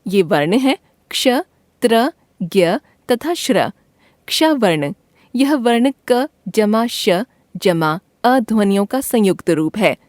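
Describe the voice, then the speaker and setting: A woman reading a school grammar lesson aloud, slowly and carefully, spelling out letters and listing example words. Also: medium pitch, sing-song, darkish tone, dry recording, clean studio sound. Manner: slow, careful reading of letters and word lists. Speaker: teacher.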